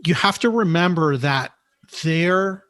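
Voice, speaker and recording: Man, somewhat high voice, podcast guest, measured explainer, dry close sound. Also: animated, fairly bright tone, no room sound. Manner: measured, explanatory, repeats words while thinking. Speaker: podcast guest, note investor. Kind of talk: interview conversation.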